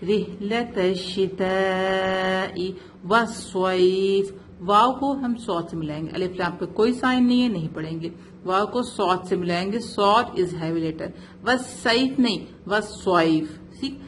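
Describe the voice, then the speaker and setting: A woman tutoring a student in Quran recitation, speaking slowly and deliberately. She breaks words into their letter sounds and keeps asking whether the student follows. Her voice sits in a middle register, with a faint noise underneath. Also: mid-range voice. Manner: patient, slow, spells out sounds and checks "ٹھیک ہے؟" often. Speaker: Quran tajweed teacher. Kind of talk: one-on-one recitation lesson.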